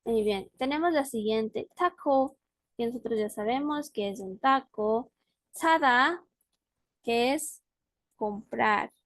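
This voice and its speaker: A woman's voice: on the high side, takes it slowly, a bit bright, no echo. A woman teaching a language class on a video call, explaining words patiently and often checking in with her student. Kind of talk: online class.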